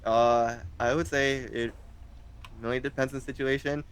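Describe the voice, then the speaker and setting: A man's voice: medium pitch, steady tone, moderate pace, clear, resonant tone. A young man in his twenties, chatting casually as an interview guest, hesitant and full of fillers. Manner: hesitant, rambling with many fillers.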